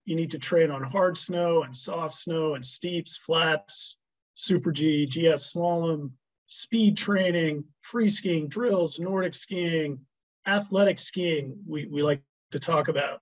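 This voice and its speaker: Brief: man, somewhat high voice, coach giving a halting video-call presentation. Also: low-quality recording. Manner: hesitant, many restarts and fillers. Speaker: ski coach presenting program.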